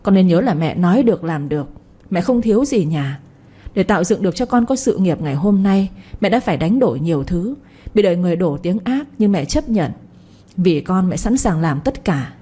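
A woman's voice: fairly low pitch, expressive, brisk, dark tone, husky. A woman voicing a bitter scolding old mother. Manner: reproachful, scolding. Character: embittered older mother, possessive and scolding.

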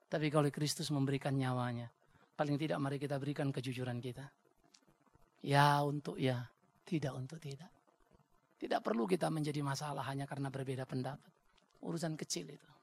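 A man with a Batak accent preaches a sermon in a blunt, joking and animated way. His voice sits high and sounds gravelly and bright. The sound is dry and close. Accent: Batak Indonesian. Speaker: pastor.

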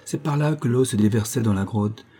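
A man's voice: medium pitch, brisk, warm tone, slightly rough, natural voice. A man voicing a sly, wiry male convict who taunts his partner in a sardonic way. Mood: boastful.

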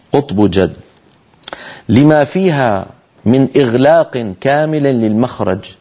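A man's voice: medium pitch, darkish tone, highs cut off. A middle-aged man teaching Quran recitation rules on a broadcast, demonstrating letter sounds and asking listeners to try them. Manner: measured, explanatory delivery. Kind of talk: televised tajweed lesson.

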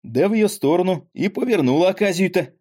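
Guy reading as a weak old dad, rambling and grumbly, mellow darkish tone, audiobook. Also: sits high, lively intonation, brisk, pitched above the performer's own voice. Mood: grumbling, chatty. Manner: rambling folksy speech. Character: frail old dying father, talkative, grumbling.

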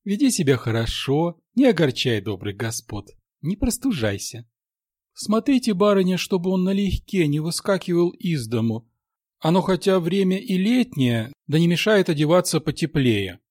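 A fussing, doting old nanny, as a male narrator puts her on, her voice climbing high and sing-song. Lively and a little loud, with a husky edge on a dry, close recording. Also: normal speed, dry recording. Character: fussy fat old woman nanny, doting.

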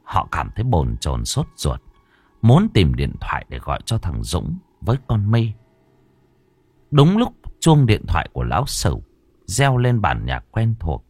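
A man's voice: sits low, huge pitch swings, darkish tone, breathy edge, no echo. Man narrating a ghost story. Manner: dramatic, slow and ominous.

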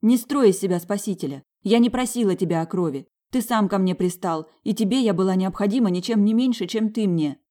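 A reader voicing an indignant young mother, sharp and argumentative in audiobook dialogue. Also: medium pitch, a little fast, hardly any pauses, pitched above the performer's own voice, lightly acted.

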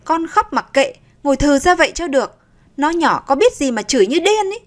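A woman's voice: high-pitched, big pitch swings, a little fast, voice pushed up. Woman playing a scornful, scolding mother-in-law. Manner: scolding, contemptuous.

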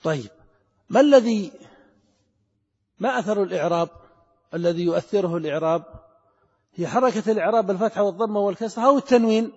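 A middle-aged man gives a grammar lesson, often asking questions and repeating key words for emphasis. His voice sits high and a little husky. The lo-fi recording carries the long reverb of a large hall. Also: fast, pauses often, darkish tone. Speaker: grammar teacher. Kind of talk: classroom lesson explaining grammar.

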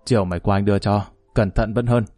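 A man's voice: fairly low pitch, steady tone, quick pace, warm tone, dry recording, soft background music, close to an everyday voice. A man voicing a curt, commanding male boss giving orders in a spoken story.

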